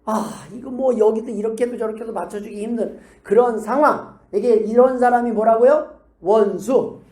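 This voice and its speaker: A middle-aged woman delivers a sermon as pastor, her voice pitched fairly high but mellow in tone. She talks in an animated way and slips into the voices of the people she quotes. The sound carries the echo of a church hall. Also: normal speed. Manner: animated, acts out quoted dialogue in shifting voices. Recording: echoey room.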